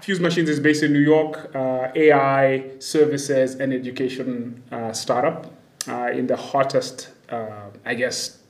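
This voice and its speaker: A man's voice: medium pitch, steady tone, measured pace. Upbeat man hosting a podcast, echoey room. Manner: upbeat, laughs often, many fillers. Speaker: podcast host. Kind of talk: casual interview.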